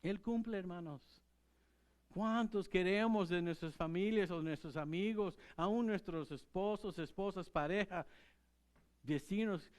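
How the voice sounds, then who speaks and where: A male pastor preaches in a conversational style, often turning to the congregation with questions. His voice sits somewhat high for a man, and he speaks in a church. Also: unhurried. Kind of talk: sermon.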